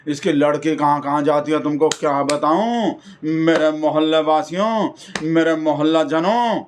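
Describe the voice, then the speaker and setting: A man mimicking a pompous neighborhood man who makes a slow, declamatory flag-day speech full of slanderous taunts. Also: on the high side, slight background noise, natural voice.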